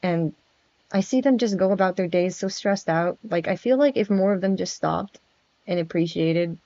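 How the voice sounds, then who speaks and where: A woman's voice: lowish voice, normal speed, mellow, no room sound. A woman streaming in character as a friendly male vampire prince, chatting casually, giggling nervously and stammering. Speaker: virtual streamer. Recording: dry, dull lo-fi mic.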